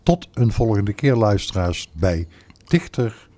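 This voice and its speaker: Radio host guy signing off, lively up and down voice. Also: fairly low pitch, slow pace. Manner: friendly thanks to the guest. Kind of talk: radio show sign-off.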